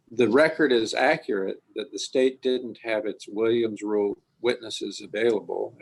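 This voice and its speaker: A man's voice: on the low side, vocal fry, poor audio. A man questioning counsel from the appellate bench, pointed and probing. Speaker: appellate judge. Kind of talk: appellate oral argument.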